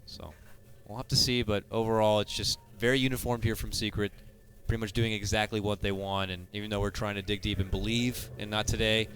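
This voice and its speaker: A man's voice: lowish voice, level tone, fairly quick, few pauses, a bit bright, a little hiss or hum. Joking male esports caster. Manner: joking, playful banter. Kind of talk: live game commentary.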